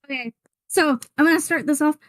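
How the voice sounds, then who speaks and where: A woman in her twenties speaks on a voice call from her bedroom, emphatic and accusatory. Her voice is very high, and the sound is dry and close. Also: a little fast, a bit bright, no echo, rough recording. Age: 20s. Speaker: caller in a voice call. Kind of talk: heated voice call confrontation.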